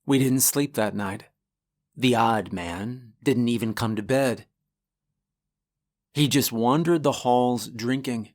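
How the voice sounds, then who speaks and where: Male narrator, slow measured delivery, scripted story reading. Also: medium pitch. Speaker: minister.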